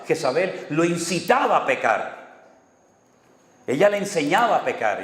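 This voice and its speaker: Pastor preaching in an echoey hall. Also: male voice, mid-range voice. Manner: storytelling, acts out dialogue with dry humor. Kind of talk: sermon. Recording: echoey hall with long reverb.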